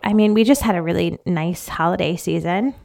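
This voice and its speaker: Lower-pitched chatty female podcast co-host. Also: fairly quick, gravelly, dark tone. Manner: chatty, rambling, teasing. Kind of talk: casual chat.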